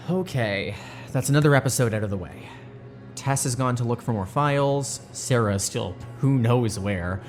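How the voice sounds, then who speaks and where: A woman playing a weary, easily startled doctor at a secret research site in an audio drama, casual and halting. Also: extremely low pitch, a little mellow, soft background music. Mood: musing.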